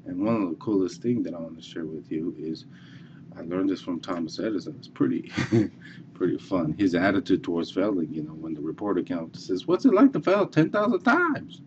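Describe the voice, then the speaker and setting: Deep-voiced man giving a halting walkthrough. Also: dull audio, noisy background. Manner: halting, repeats and restarts, says okay a lot. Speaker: online course presenter. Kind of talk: casual screencast walkthrough.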